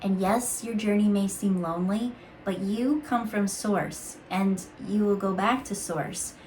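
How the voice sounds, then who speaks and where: A woman reading intuitive cards in a casual, musing way, halting with fillers and restarts. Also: mid-range voice, darkish tone, slight background noise, poor audio. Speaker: intuitive card reader. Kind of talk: casual spiritual card reading.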